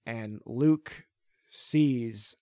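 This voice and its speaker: A man chatting on a casual podcast, rambling through long, excited thoughts. His speech is packed with "like" and "you know". His voice is mid-pitched and dry, close to the mic with no room echo. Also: drawn-out words. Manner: rambling, enthusiastic, many fillers. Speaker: podcast host. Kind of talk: casual chat.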